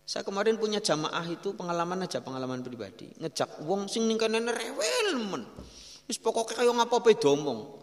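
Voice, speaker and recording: Middle-aged javanese guy preaching, lively stories, kinda high voice, long hall reverb. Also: normal speed. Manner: lively storytelling, mixing in Javanese phrases. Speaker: kyai teaching a religious study. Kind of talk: sermon.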